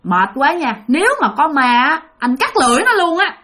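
Woman playing a stubborn skeptical husband, dismissive and loud, pitched up high. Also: sing-song, normal speed, full character voice. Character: stubborn skeptical husband, middle-aged man.

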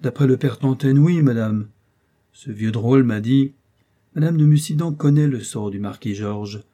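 Male reader voicing a glib, scheming doctor with feigned candor, low dark husky tone. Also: normal speed, lightly acted. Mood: falsely earnest. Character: scheming smooth-talking older male doctor. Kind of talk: audiobook character voice.

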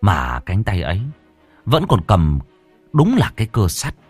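A man narrating a horror story in an expressive storytelling manner. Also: low voice, measured pace, husky, no room sound. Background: faint background music.

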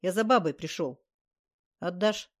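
A woman reading aloud and voicing a brash, cocky young man who teases loudly and bluntly. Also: high voice, a little slow. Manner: loud, teasing, laughing.

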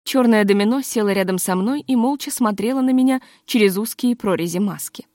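A woman narrating a literary memoir as an audiobook, in calm, measured storytelling, close to the mic. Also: mid-range voice, no echo.

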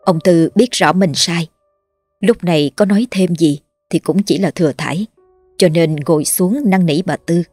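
Low-voiced woman narrating horror. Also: moderate pace, a little mellow, dry recording. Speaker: storyteller. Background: faint music.

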